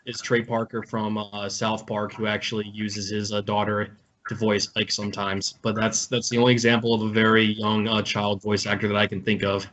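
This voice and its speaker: A man's voice: fairly low pitch, flat delivery, normal speed, fairly bright tone. A man from Maryland in a casual podcast chat, speaking hesitantly with many "uh"s and the odd chuckle. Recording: dull lo-fi sound with faint hiss.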